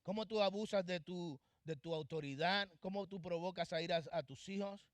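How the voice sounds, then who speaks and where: A man with a fairly high voice delivers an impassioned sermon, rising to loud, urgent exhortation and then dropping to hushed, pointed asides. His voice is dry and close, with little room sound. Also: moderate pace, no room sound. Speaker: pastor. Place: church.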